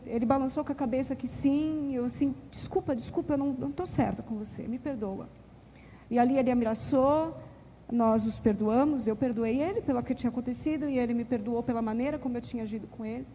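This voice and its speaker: Woman, Brazilian Portuguese accent, church talk, earnest and confessional, fairly high voice, long hall reverb. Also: dark tone, a little hiss or hum. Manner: earnest, confessional, addresses listeners as brothers and sisters.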